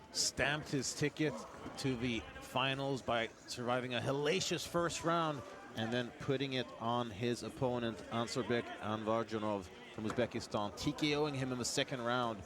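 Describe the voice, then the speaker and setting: A man's voice: mid-range voice, noisy background. A man giving live fight commentary with dramatic, emphatic phrasing. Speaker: sports commentator.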